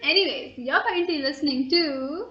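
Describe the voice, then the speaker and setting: A woman's voice: high-pitched, moderate pace, dull audio. A young woman co-hosting a casual podcast, giggly and laughing often as she chats. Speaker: podcast co-host. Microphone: studio mic, face-to-face recording.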